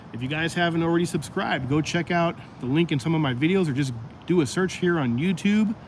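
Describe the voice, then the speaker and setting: A man's voice: a little high, slight background noise. A man hosting a casual livestream, rambling and chatting straight to his viewers, his voice going out. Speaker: livestream host.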